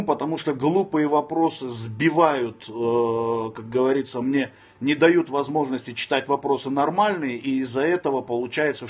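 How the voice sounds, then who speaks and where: A medium-pitched male voice with a breathy edge comes from a man in his thirties from Dagestan, who sits in a room answering viewers on a casual livestream. His phone camera is close, and he's blunt and swears freely, snapping at trolls amid calm advice.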